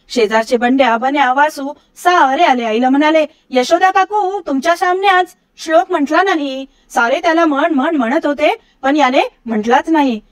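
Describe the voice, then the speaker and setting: Woman, middle-aged, high voice, storybook reading, voices characters higher. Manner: voices the quoted characters with a raised pitch; recites verse slowly and lower. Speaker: storybook reader.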